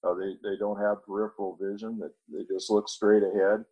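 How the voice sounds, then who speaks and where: Male group member, low raspy voice, measured and reflective. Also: flat delivery, dark tone, poor audio. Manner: measured, frequent you know. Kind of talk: casual group discussion.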